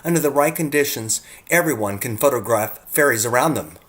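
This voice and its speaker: Presenting his photographs, a narrator reads a script with earnest directness toward the viewer. His voice is mid-range and fairly bright, his pace brisk, and his intonation lively.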